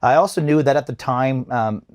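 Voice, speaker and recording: A man's voice: mid-range voice, normal speed, darkish tone, dry recording, clean studio sound. A man in his thirties from Bosnia, a podcast guest in casual interview talk, often restarting and repeating words. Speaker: podcast guest, event company owner.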